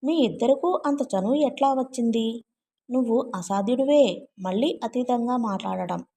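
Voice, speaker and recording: Woman with a soft, mellow voice. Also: fairly high pitch, normal speed. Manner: expressive storytelling reading. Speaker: audiobook narrator. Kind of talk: novel narration.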